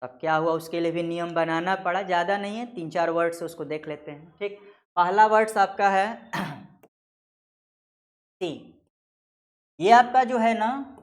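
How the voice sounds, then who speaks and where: A man giving a grammar lesson, explaining slowly, repeating key words and reading out example sentences word by word. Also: sits high. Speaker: grammar teacher. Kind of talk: classroom lecture.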